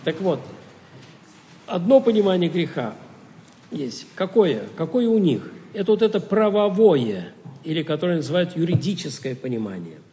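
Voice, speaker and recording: A man's voice: fairly high pitch, very animated, moderate pace, mellow, big-room sound. A man giving a spoken theology lecture, asking rhetorical questions and answering them himself, often stopping and restarting words.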